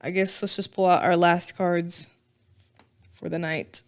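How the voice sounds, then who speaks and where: A woman with a somewhat low voice talks through a tarot reading in a casual, chatty way. She reassures her listeners and keeps tagging her points with quick check-ins. The delivery is informal and full of little asides. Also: level tone. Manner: reassuring, ends many phrases with "okay?" and "all right?". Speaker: tarot reader. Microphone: microphone.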